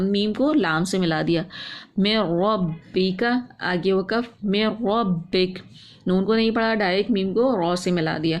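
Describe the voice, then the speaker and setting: Woman teaching Quran reading step by step. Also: mid-range voice. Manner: asks questions and answers them herself, recites slowly and repeats. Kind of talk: step-by-step recitation lesson.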